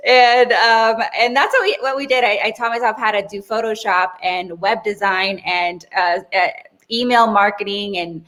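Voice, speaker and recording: A woman's voice: on the high side, a bit bright. Chatty woman telling her story. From Brazil, raised in South Florida. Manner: chatty, frequent restarts, laughs easily. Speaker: guest expert. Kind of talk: casual interview storytelling.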